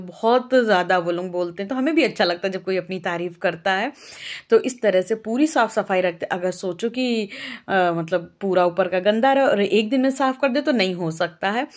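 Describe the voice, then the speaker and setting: A young woman from Uttar Pradesh talking through her day in a casual, rambling home vlog, with many filler sounds. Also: mid-range voice. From Uttar Pradesh, India. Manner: rambling, homely and talkative, with frequent "अ" fillers. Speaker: vlogger. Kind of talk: casual chatty vlog narration.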